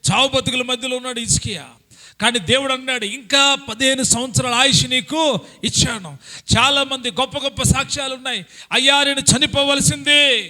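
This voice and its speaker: A male preacher delivers a sermon in a high, bright voice. He tells stories and drops to a near hush, then rises to ringing appeals. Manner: storytelling preacher, swings from hushed to ringing. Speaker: pastor.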